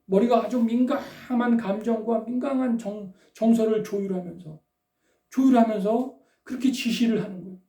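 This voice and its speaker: Woman preacher, mellow tone, rhetorical and prodding, roomy church sound off-mic. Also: a little high, moderate pace. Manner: rhetorical, prodding listeners with tag questions. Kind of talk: sermon. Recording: roomy echo, distant from the mic.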